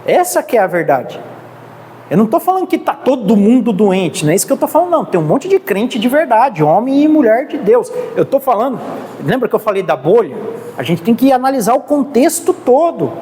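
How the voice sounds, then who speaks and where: A woman's voice: fairly high pitch, big pitch swings, a little fast, dark tone. A woman with a Brazilian accent teaching a theology class, earnest and exhorting. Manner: earnest, exhorting, keeps addressing the class as brothers. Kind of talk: church class lecture. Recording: reverberant hall with faint noise.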